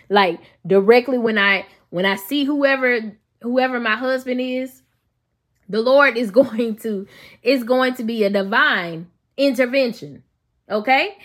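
Woman in her 30s, higher voice, earnest faith talk, lots of y'all and restarts. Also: fairly bright tone. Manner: earnest, addresses listeners as "y'all", many restarts. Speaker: podcast host. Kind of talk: faith-based personal talk.

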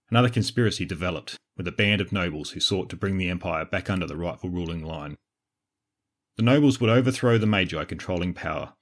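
An Australian man hosting a history podcast, reading scripted narration in a measured, explanatory way. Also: low voice. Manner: measured, explanatory, answers listener questions.

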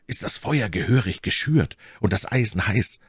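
A man voicing a calm, scheming young male painter who explains his plan earnestly and persuasively. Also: fairly low pitch, normal speed, breathy edge, no room sound, clean studio sound, exaggerated voice.

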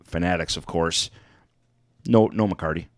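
A man's voice: sits low, measured pace, no room sound, clean studio sound. A man chatting casually and irreverently as a podcast co-host. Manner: irreverent, sweary. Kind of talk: casual banter.

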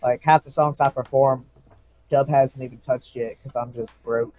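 A man's voice: medium pitch, fairly even intonation, normal speed, a little mellow. A man in a casual chat, talking like a frat bro with loose slang and frequent swearing. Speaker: rapper, guest.

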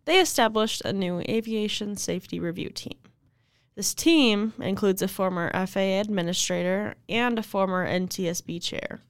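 Gravelly-voiced young woman co-host. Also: medium pitch, moderate pace, no room sound. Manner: chatty, reads news items aloud. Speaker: podcast co-host. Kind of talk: casual podcast chat.

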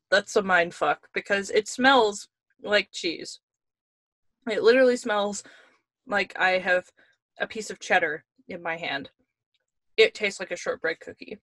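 A woman's voice: mid-range voice, a bit bright, dry recording. A woman co-hosting a podcast over a video call, chatting casually while tasting snacks and often repeating her words as she talks. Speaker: podcast co-host.

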